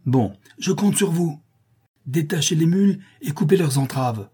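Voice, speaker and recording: A man's voice: fairly high pitch, animated, a little slow, warm tone, slightly rough, pitched above the performer's own voice. A man voicing bold young leader Harry. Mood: commanding. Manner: barking commands over a storm.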